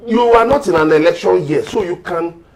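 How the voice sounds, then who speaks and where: High-pitched, brisk and creaky, this Nigerian-accented man presses his points emphatically as a panel guest in a political discussion, exhorting listeners over crowd noise.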